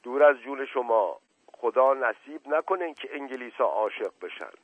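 A rambling, earnest old manservant, as a man reads him aloud talks in a raised, loud voice. The sound is tinny and dry, like an old radio broadcast. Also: medium pitch, animated, breathy edge, dry recording, voice pushed up. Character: simple chatty old male servant.

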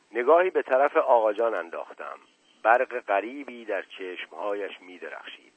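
A man narrating a novel as an audiobook, in a measured, expressive storytelling manner. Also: lowish voice, slightly rough. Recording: tinny radio broadcast.

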